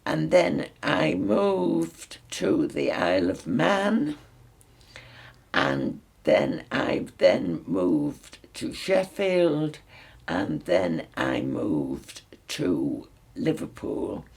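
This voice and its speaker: Very old woman, nineties, mixed Lancashire accent. Gravelly, husky voice, recalling her life in conversation. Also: extremely low pitch, wildly swooping pitch, extremely slow, darkish tone. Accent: mixed Northern English, Lancashire. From Salford, north of England. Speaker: interview guest. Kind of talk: reminiscing life story in conversation.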